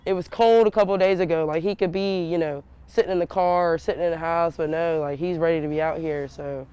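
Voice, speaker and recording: A young woman softball player talking casually in an interview, with lots of "like" fillers. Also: on the low side, steady tone, quick pace, clean tone, no echo.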